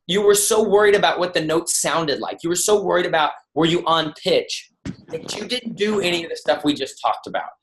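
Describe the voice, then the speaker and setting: A man putting on a gruff, demanding old vocal coach who scolds bluntly. The voice stays close to the speaker's own, with only a slight lift. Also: high voice, brisk, slight background noise, natural voice. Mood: scolding.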